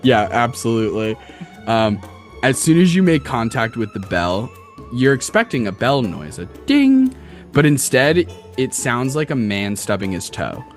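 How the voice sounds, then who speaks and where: A man narrating a tabletop game as game master, casual and descriptive, feeling his way through the scene haltingly. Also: mid-range voice, lively intonation, soft background music.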